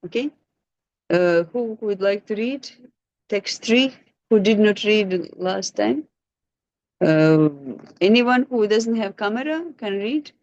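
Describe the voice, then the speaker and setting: A woman's voice: mid-range voice, animated, takes it slowly, long pauses, a little mellow, dry recording. Patient woman teaching online class, dry. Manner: patient, questioning, prompts students. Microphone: video call. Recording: dull lo-fi video call audio.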